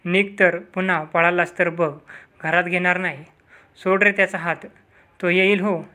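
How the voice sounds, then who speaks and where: A man's voice: sits high, flat delivery, measured pace, sharp tone. A man reading the lines of a stern but loving village mother who scolds and then comforts her son. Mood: scolding. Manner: scolding, then tender and pleading.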